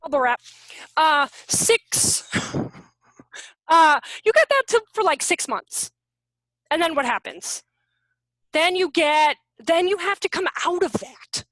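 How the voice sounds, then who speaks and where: Casual woman workshop presenter on a video call, high and expressive, animated with quick asides. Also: no echo. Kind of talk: casual teaching talk. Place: room at home.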